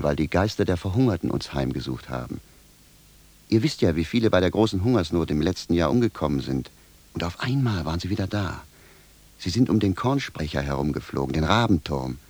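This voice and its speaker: A gruff, bewildered peasant shoemaker. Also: male voice, low voice, darkish tone, no room sound. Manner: gruff, plain-spoken, indignant. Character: blunt, bewildered peasant shoemaker, newly revived. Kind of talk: 1970s radio drama acting.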